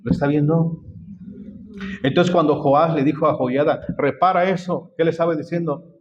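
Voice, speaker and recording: Man preaching, a bit high voice, dull lo-fi sound, questions the congregation. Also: steady tone, normal speed, a little mellow. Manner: quizzes the congregation with repeated questions. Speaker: pastor. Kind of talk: sermon.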